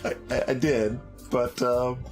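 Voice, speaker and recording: Playing a visual novel over game music, a streamer thinks aloud in casual, hesitant, rambling commentary. His mid-range voice moves little in pitch, and he talks slowly.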